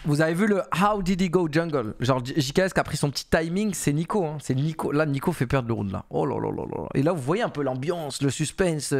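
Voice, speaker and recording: Excitable French-speaking male streamer, slightly high voice. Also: brisk, vocal fry, hardly any pauses. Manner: excitable, slangy, repeats himself, exclaims often. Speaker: streamer reacting to a documentary. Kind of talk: casual live reaction commentary.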